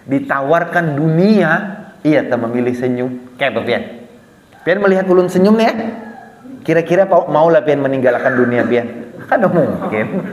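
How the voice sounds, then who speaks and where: Banjar-accented male preacher, chatty storyteller, quizzes the congregation, mid-pitched voice, roomy echo. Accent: Banjar Malay. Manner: lively, acts out quotes, asks listeners questions. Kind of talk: casual sermon storytelling. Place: small prayer hall. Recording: echoey prayer hall with long reverb.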